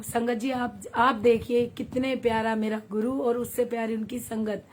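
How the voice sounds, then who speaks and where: Woman from Haryana, satsang leader, chatty and laughing, slightly high voice, faint background noise. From Haryana, India. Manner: chatty, warm, laughs often, reads viewer comments aloud. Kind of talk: devotional storytelling and live chat.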